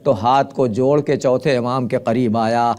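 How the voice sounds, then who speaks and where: A man's voice: medium pitch, steady tone, darkish tone. A middle-aged man, a preacher, recounting a mournful sermon in a dramatic storytelling manner. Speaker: Shia preacher.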